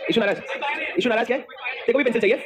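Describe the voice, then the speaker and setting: A male teacher with a strikingly high voice leads a lively lecture. He teases his students and then dictates slowly, word by word. Behind him is a noisy classroom with students murmuring. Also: over a noisy crowd.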